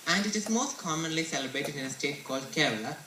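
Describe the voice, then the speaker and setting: A man's voice: fairly high pitch, expressive, fast, pushed and bright, slight background noise. A teenage boy from India giving a recited, earnest school presentation. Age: teens. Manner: earnest, recited storytelling delivery. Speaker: student presenter. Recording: roomy echo, mic at a distance.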